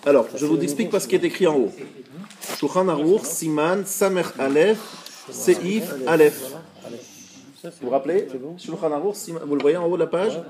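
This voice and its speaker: A man with a slightly high voice teaches a live religious class while a crowd is heard in the background. He explains patiently, checks with his students, and sounds out words slowly for them.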